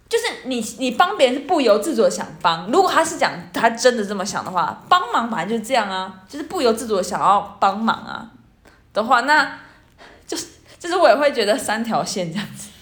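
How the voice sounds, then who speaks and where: A woman's voice: a little high, big pitch swings, quick pace, a bit bright. Chatty Taiwanese woman telling stories. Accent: Taiwanese Mandarin. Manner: chatty storyteller, acts out quotes. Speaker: podcast co-host, tutor. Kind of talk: casual chat.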